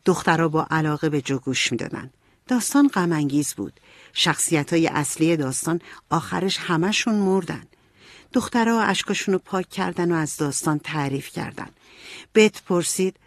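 A woman narrating a storybook in an even, clear storytelling manner. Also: sits low, no room sound. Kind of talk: storybook reading.

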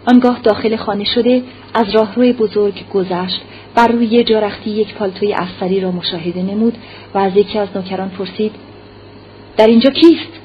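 A woman's voice: medium pitch, steady tone. Woman narrating a novel, muffled audio. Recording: muffled lo-fi recording, faint hiss.

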